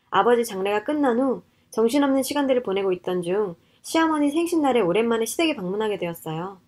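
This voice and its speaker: Woman narrating a story, fairly high voice. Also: a little mellow. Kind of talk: scripted first-person story narration.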